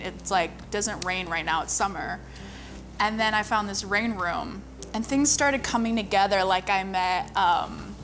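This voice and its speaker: With a medium-pitched, slightly bright voice, a young singer and model talks about her music in a relaxed, chatty way. She peppers her casual storytelling with plenty of "like" fillers while music plays beneath her.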